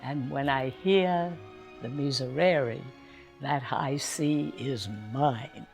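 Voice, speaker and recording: A man's voice: medium pitch, slow pace, creaky, over music. An older man telling stories from his days as a film singer, acting out the lines of the people he quotes. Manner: anecdotal, acts out quoted dialogue. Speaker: interviewee, former film singer. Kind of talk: storytelling reminiscence.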